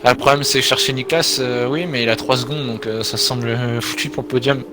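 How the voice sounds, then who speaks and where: Guy doing live motorsport commentary, medium pitch, bit hesitant, repeats himself, noisy with cars behind. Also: fairly even intonation, a little fast. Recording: clear background noise with vehicle sounds.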